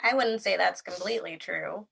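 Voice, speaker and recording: A woman's voice: lowish voice, normal speed, vocal fry, a bit bright, breathy edge, exaggerated voice. A woman playing Love as a sweet, doting, slightly affected immortal being in a theatrical audio drama. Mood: gently chiding.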